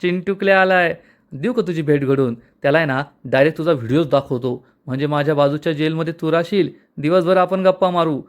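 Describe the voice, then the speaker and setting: A man's voice: fairly high pitch, steady tone, a little fast, close to an everyday voice. A man voicing a boastful, scheming male crook in jail while retelling a TV serial episode, in a taunting, mocking manner.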